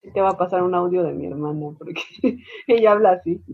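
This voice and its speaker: A Mexican woman chatting casually, telling lively stories and acting out shouted bits. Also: on the low side, quick pace, creaky, slightly rough. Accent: Mexican Spanish. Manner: animated storyteller, acts out shouted quotes. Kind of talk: casual chat. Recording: phone-like lo-fi line.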